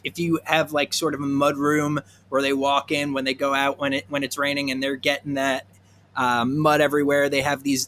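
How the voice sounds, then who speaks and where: A man's voice: on the high side, bright, forceful tone, slight background noise. A man hosting a podcast, chatting casually and plugging a product with lots of fillers and self-deprecating jokes. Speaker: podcast host.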